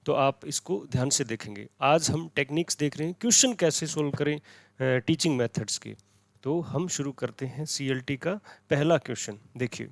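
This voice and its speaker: A man's voice: a little high, no echo. Hindi-speaking male teacher, dry close sound. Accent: Indian. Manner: repeats key words as questions and answers them; switches into slow, deliberate English when reading questions. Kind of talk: exam-prep lecture.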